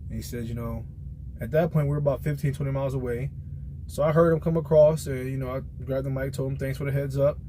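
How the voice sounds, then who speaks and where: Speaking quickly and warmly at a medium pitch, an American truck driver tells stories in a casual, meandering vlog and shares what he thinks of a product. His intonation stays fairly even, and the recording carries a little hiss or hum.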